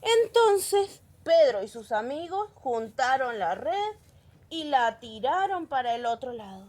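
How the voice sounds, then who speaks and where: A woman with an Argentine accent telling a Bible story to children, slow, animated and playful. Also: sits high. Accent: Argentine Spanish.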